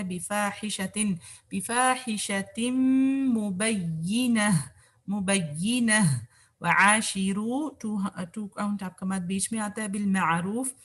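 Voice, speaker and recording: A woman from Pakistan, teaching tajweed in an online class, reciting verses slowly and correcting pronunciation with quick asides. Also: medium pitch, a bit bright. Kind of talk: tajweed lesson, reciting and explaining.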